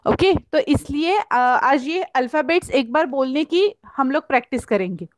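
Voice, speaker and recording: A woman's voice: high-pitched, animated, moderate pace, dry recording. A woman teaching German on an online class, explaining patiently and often checking with "right?". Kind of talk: online class lesson in Hindi and English.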